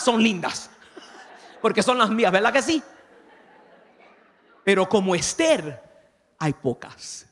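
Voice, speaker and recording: A woman giving a chatty, playful sermon at a conference, often asking her audience questions. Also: a little high. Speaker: conference speaker. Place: church conference hall. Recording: long reverb of a large hall.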